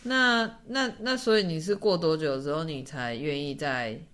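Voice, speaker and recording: A podcast host with a mid-range voice keeps a casual chat going. The host prompts the guest with short questions and reacts quickly to each turn. The delivery stays relaxed and conversational. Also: medium pitch.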